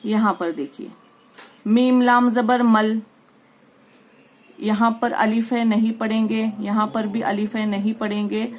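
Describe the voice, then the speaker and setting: A woman's voice: medium pitch, level tone, moderate pace, few pauses. A woman teaching a Quran reading lesson, patient and repetitive, going over each step again.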